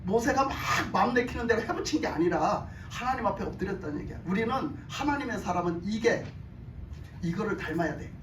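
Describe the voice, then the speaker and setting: A woman's voice: medium pitch, animated, brisk. A woman pastor preaches in a church, retelling a story with repeated phrases and questions to the congregation. Her voice echoes around a roomy hall. It is picked up from a distance with a faint hiss behind it. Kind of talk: sermon. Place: church sanctuary.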